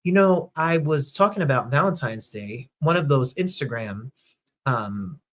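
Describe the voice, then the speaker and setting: A man's voice: medium pitch, expressive, a little slow. A man hosting a casual livestream chat show from home, upbeat and chatty, greeting viewers by name. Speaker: host.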